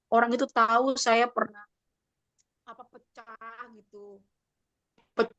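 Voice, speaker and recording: A woman's voice: on the high side, sharp tone, no echo. A woman giving a personal testimony on a video call, telling her story with animation and acting out the voices of others.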